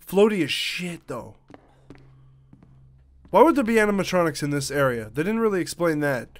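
A man's voice: a little high, sing-song, normal speed. A man in his thirties with a Canadian accent, giving jokey, reactive let's play commentary with swearing. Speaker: gaming YouTuber. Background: game music.

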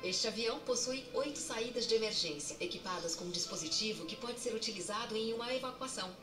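Brazilian woman giving a cabin PA announcement. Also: on the high side. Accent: Brazilian Portuguese. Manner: formal, measured, instructive. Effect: aircraft cabin PA announcement. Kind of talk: recorded in-flight safety announcement. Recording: echoey PA, distant, music behind.

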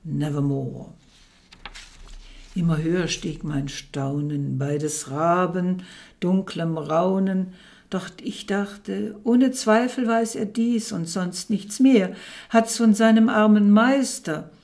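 A woman giving a theatrical poetry recitation, building to loud, impassioned outbursts. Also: medium pitch, slow pace.

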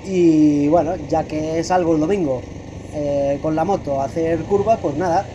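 A man's voice: a little high, fairly even intonation, normal speed, highs cut off, background noise. A middle-aged man from Spain narrating his motorcycle channel in a casual, hesitant voice-over, full of fillers. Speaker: motovlogger. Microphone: voice-over recorded apart from the ride.

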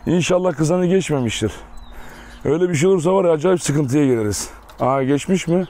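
A high-pitched man talking casually to his viewers while he walks around an outdoor kennel yard. He chats on and coaxes his dogs as he goes. Dogs bark behind him and there is clear background noise. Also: brisk, warm tone. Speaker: dog breeder vlogger. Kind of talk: casual vlog talk to viewers. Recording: outdoor clip with noise and barking.

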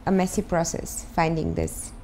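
A woman in her thirties from Bulgaria, speaking English with a Bulgarian accent, answering interview questions thoughtfully and pausing to search for words. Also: sits low, very animated, warm tone, slight background noise. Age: 30s. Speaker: guest, start-up founder. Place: living room, on a sofa.

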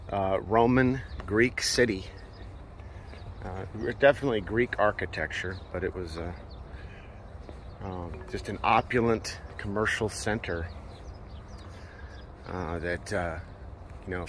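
A man's voice: lowish voice, slow pace, pauses often, a bit bright, slight background noise. Earnest preaching man filming outdoors on phone. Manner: earnest, preachy, many filler "uh"s. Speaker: preacher vlogger. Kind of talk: outdoor walking vlog with preaching. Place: outdoor ancient ruins, open hillside. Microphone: phone held at arm's length.

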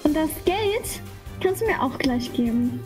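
A woman's voice: sits high, animated, a little slow, darkish tone, soft background music. A woman voicing a mean babysitter who bosses a kid around and taunts him in a casual game role-play. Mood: bossy. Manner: bossy, taunting, giggles at the kid.

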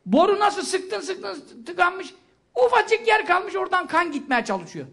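A man giving a religious lecture, asking questions and answering them himself, with quick recited Arabic verses. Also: extremely high pitch, big pitch swings, gravelly, a bit bright. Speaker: preacher.

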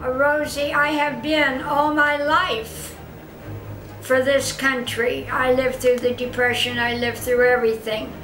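A woman in her nineties giving spirited, proud personal testimony at home. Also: sits high. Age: 90s. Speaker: interviewee, former wartime shipyard worker. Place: home room indoors. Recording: roomy echo, voice far from mic.

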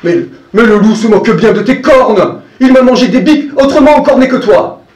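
A man doing a flustered old farmer, high and loud. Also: normal speed. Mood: alarmed. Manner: exclaiming, flustered, stammering. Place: live performance room. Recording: roomy distant live recording, faint music.

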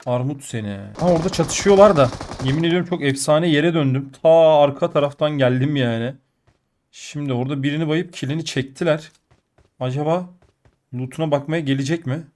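A sick man with a blocked nose and a muffled, nasal voice, giving excitable gameplay commentary that jumps between muttering and outbursts. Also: on the high side, a little fast. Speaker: mobile game player.

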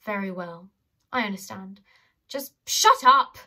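A woman voicing a huge male bodyguard who speaks low, calm and threatening. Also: moderate pace, slightly rough, full character voice. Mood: menacing.

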